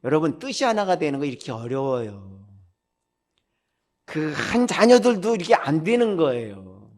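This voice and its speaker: Blunt, lively older man preaching. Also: a little high, moderate pace. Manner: blunt, direct and scolding; conversational Korean sermon with rhetorical questions. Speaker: retired pastor. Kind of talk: sermon.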